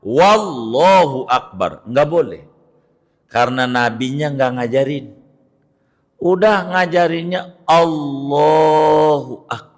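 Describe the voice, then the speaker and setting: A man's voice: on the high side, slow, pauses often. A middle-aged man, a cleric giving a religious study lecture, who draws out recited phrases to demonstrate them and corrects mistakes emphatically. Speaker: Islamic cleric teaching jurisprudence.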